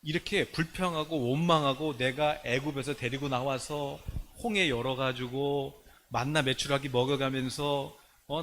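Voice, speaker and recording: A man putting on a deep, rumbling God who sounds like a weary judge passing sentence. He speaks slowly and heavily and plainly talks down to his people. The voice sits well below the man's own. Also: fairly bright tone, slight background noise, close to an everyday voice.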